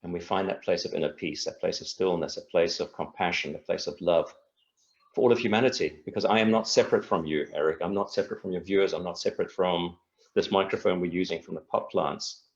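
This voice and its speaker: A man's voice: sits low, steady tone, quick pace, creaky, highs cut off. A middle-aged man from Tanzania, a guest speaking in an earnest, reflective and meandering way in a casual interview over a video call.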